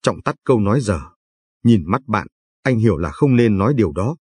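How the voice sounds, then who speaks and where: A man narrating a literary novel in a steady, descriptive storytelling manner. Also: lowish voice, fairly quick, slightly rough, dry recording. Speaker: audiobook narrator. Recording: dry studio read, faint music.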